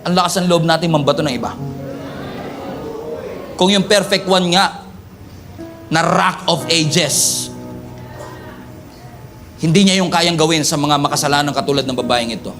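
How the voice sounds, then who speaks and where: Filipino pastor, animated and joking, higher-pitched male voice, soft music underneath. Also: moderate pace, pauses often. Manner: animated, joking, acts out quotes. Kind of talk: sermon.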